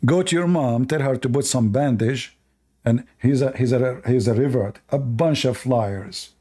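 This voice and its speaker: A man's voice: medium pitch, unhurried, dark tone. A man hosting a live debate show, mocking and combative toward callers, speaking English with non-native grammar. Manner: mocking, combative, laughs at opponents.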